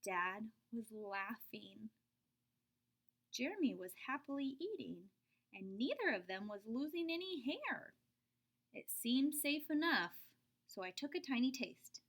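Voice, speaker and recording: A woman reads a children's picture book a little slowly and with plenty of expression, whispering to build suspense and pitching her voice up whenever the child speaks.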